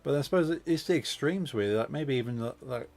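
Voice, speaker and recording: A man with a Midlands English accent, chatting casually as a game streamer and speaking with deliberately clear, precise diction. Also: medium pitch, lively intonation, darkish tone, faint music behind. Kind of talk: casual chat while gaming.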